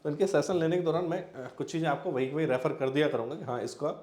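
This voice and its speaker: A man's voice: fairly high pitch, fast, darkish tone. Man teaching exam prep in an echoey room. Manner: conversational, explains with repeated examples and fillers. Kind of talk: explanatory exam-prep talk.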